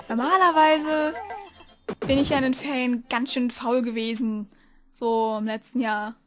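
A young woman chatting casually while playing a video game, rambling and breaking into frustrated outbursts. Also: fairly high pitch. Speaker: let's player. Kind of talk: casual gameplay commentary. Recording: game music playing behind the voice.

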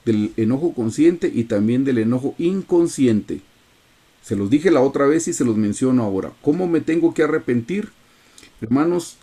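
Man, Bible study teacher on a video call. Mellow, earnest, calls listeners brothers. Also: medium pitch.

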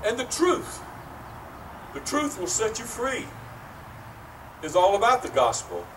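A middle-aged man preaching a sermon at an outdoor pulpit beside a brick church, speaking slowly and earnestly with pauses, picked up by a distant camera microphone. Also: high voice, huge pitch swings, fairly bright tone. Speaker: pastor. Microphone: far camera, at a wooden pulpit. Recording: distant outdoor mic, faint noise.

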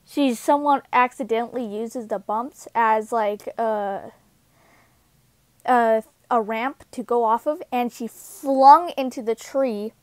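Halting young woman telling a story. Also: fairly high pitch, darkish tone, no echo. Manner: halting, many fillers and restarts. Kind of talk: casual personal story.

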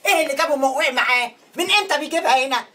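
A woman's voice: high voice, very fast, sharp tone, a little hiss or hum. An actress playing a bitter, tearful young Egyptian woman in a TV drama, with an Egyptian Arabic accent. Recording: dialogue over music score.

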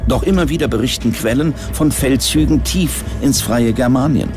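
A man with a medium-pitched voice reads scripted documentary narration at a moderate pace, with a music bed running under his voice.

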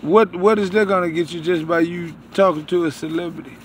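A self-styled prophet in his thirties preaches online, filming himself outdoors beside a building with a phone held at arm's length. His high voice rambles through a religious talk, halting, repeating himself, and circling back over phrases. A faint hiss or hum is audible.

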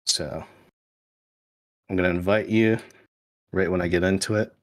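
A man's voice: low voice, steady tone, moderate pace. A man chatting casually and commenting as he streams a video game. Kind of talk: casual gaming chat and commentary.

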